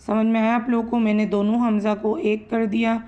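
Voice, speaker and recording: A woman's voice: fairly high pitch, flat delivery, dark tone. Woman teaching tajwid, drawn out spelling of letters, a bit muffled sound. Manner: slow, drawn-out letter-by-letter recitation. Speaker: Quran recitation teacher. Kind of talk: patient step-by-step lesson, spelling out letters.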